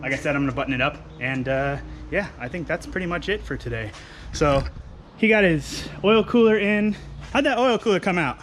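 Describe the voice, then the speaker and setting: A man casually talking through his car project in a relaxed, rambling way, outdoors at home. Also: on the high side, a little fast, a little hiss or hum. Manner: relaxed, rambling, filler-heavy. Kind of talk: casual talk-through while wrenching.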